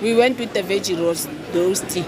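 A middle-aged lifestyle vlogger with a medium-pitched voice chats at a leisurely pace in a casual vlog, constantly saying "guys." She films on a phone held at arm's length, first in an airport terminal and then in her home kitchen, with crowd hubbub and background noise in the recording.

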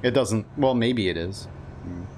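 A man's voice: fairly low pitch, unhurried, darkish tone, a little hiss or hum. A man doing casual live gameplay commentary, rambling informally and reacting aloud as he streams. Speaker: game streamer. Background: game ambience.

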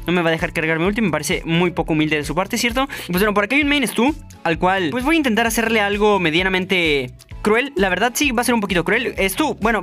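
Young male gaming host; quick, playful and hyped, bursting into shouts. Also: sits high. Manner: excitable, playful, addresses viewers, shouts at big moments. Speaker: gaming YouTuber. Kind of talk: energetic gameplay commentary.

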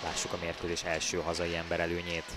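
A man giving excited ice hockey commentary, with his voice rising loudly for the big plays. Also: low voice, over loud music. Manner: bursts into loud, raised calls on goals.

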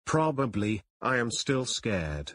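A text-to-speech man's voice playing a bratty young boy in a homemade animated video. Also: medium pitch, slow, no room sound, exaggerated voice. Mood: scared.

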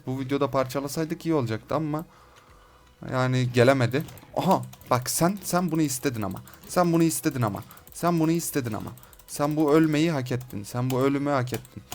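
A young man commentates his survival game in an excitable, shouting style. He repeats his threats at the monsters again and again. His voice sits at an ordinary middle pitch. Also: a little fast. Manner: repeats phrases over and over while playing. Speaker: gaming YouTuber. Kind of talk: Minecraft let's play commentary.

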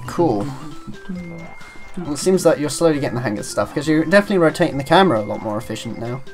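Upbeat man guiding a game playthrough, lively voice, laughs often. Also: on the high side, fast, faint music behind. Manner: giggly, encouraging. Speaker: guide on a co-op playthrough. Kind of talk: casual gameplay chat.

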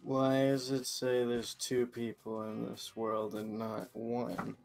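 A man chatting offhandedly with a friend during a game session, with a low-key, mumbling delivery. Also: flat delivery, takes it slowly, gravelly, darkish tone. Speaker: friend joining the host. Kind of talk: casual gaming chat.

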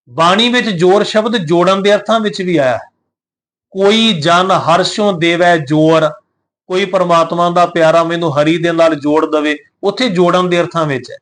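A man teaching scripture, reciting verses slowly and drawn out, then explaining them plainly and giving pronunciation guidance. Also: high voice, fairly bright tone. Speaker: Gurbani teacher.

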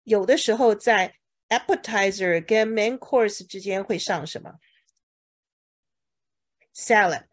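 A woman teaching English words to a class, asking questions, drilling each word slowly and saying OK a lot. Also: mid-range voice. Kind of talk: bilingual vocabulary lesson to a class.

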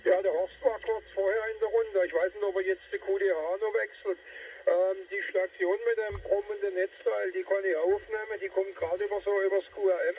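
A man's high voice comes in over CB radio, thin and tinny as if heard from across the room, with a light hiss of static under it. He chats easily, calling the other stations by name and filling his pauses with little hesitations. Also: fairly even intonation, recorded from a distance. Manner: chatty, filler-heavy, calls other stations by name. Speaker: CB radio operator filming the round. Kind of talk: casual radio chat.

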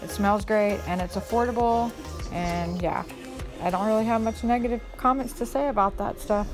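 A woman's voice: medium pitch, normal speed, over music. Chatty woman in her forties, casual narration. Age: 40s. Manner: chatty, apologetic, explains as she goes. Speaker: cleaning vlogger. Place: home kitchen and living room.

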